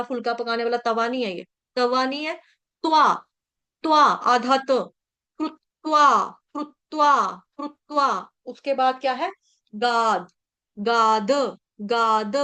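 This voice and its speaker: A woman's voice: high-pitched, a bit bright. A woman teaching a scripture class, drilling Sanskrit pronunciation by repeating syllables. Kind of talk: Sanskrit verse recitation lesson.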